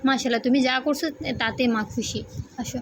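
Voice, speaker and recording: A woman's voice: on the high side, steady tone, fast, background noise. A woman, vlogging at home and talking affectionately to her small son in coaxing baby-talk. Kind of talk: casual home vlog, talking to child and viewers. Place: home, bedroom.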